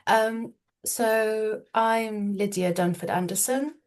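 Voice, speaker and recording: This English woman, a solicitor, explains things in an informative talk using a mid-range, slightly mellow voice and fairly even intonation. A cold makes her a bit nasal, and she stays measured while frequently saying um and starting over.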